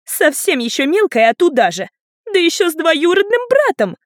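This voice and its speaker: A woman reading an audiobook, voicing a shrill, scandalized older sister who screeches high and loud. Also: sing-song, normal speed, dry recording, clean studio sound. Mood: spiteful. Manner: shrieking, screeching.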